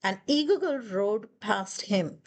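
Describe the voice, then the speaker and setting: A woman reading a children's picture book aloud, lifting her voice for the quoted lines. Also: animated. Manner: slow storytelling, voices quoted lines higher.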